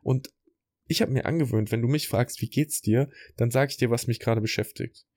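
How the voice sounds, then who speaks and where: A man hosting a podcast, giving a motivational talk straight to the listener and slowing down for guided reflection exercises. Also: mid-range voice, darkish tone, no echo, clean studio sound. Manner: direct, coaching, addresses listener as du. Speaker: podcast host and speaker. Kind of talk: motivational talk, rehearsing a keynote.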